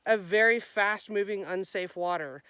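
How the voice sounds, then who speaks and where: A woman's voice: mid-range voice, normal speed, sharp tone, smooth, no echo. A woman talking casually for a vlog as a hiker, chatty and informal, thinking aloud as she goes. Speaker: vlogger, hiker.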